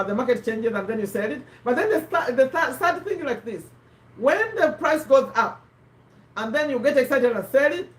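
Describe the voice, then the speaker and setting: A fairly high-voiced woman talks through ideas in a loose, conversational way, restarting sentences and turning to her listeners with questions. The recording has a roomy echo around her voice. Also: recorded from a distance. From Uganda. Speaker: host of a live book discussion. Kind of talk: casual explanatory talk. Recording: echoey room.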